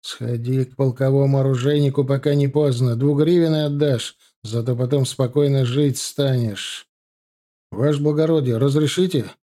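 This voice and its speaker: Man voicing veteran sergeant, gruff, lecturing, stern but caring, mellow tone. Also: medium pitch, steady tone, normal speed, lightly acted. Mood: formal. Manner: grumbling, instructive.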